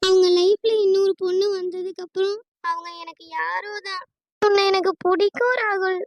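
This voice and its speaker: An anxious young bride in a cartoon, voiced by a woman, pleading and apologetic. Her voice is very high and thin, recorded close and dry. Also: flat delivery, moderate pace, no room sound, highs cut off.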